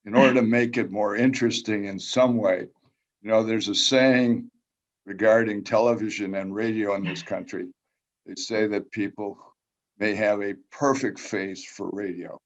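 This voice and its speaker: A man's voice: on the low side, steady tone, a little slow. A man giving a conference talk over a video call, folksy and rambling, telling anecdotes. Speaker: conference speaker. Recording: muffled, lo-fi video call audio.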